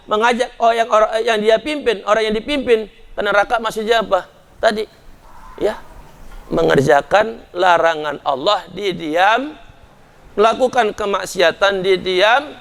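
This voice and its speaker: A man preaching a sermon to a congregation, talking conversationally and addressing them directly, at times rising to loud impassioned pleading. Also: high voice, a little hiss or hum.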